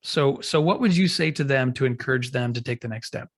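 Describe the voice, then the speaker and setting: A man's voice: medium pitch, dry recording. Friendly male podcast host, dry close sound. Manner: friendly and affirming, quick follow-up questions. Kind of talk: conversational podcast interview.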